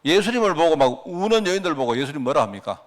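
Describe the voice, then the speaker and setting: A man's voice: a little high, sing-song, fast talker. A man pastor giving a midweek church sermon, pressing his listeners with constant rhetorical questions.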